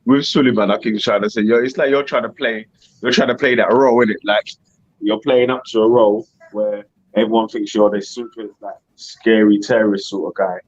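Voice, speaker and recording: A man with a fairly low voice and a London roadman accent moderates a casual panel. He talks in slang with frequent tag questions, over dull, lo-fi but dry audio. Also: fairly even intonation, a little fast, no echo. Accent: London street slang (roadman) English. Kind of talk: casual live panel chat.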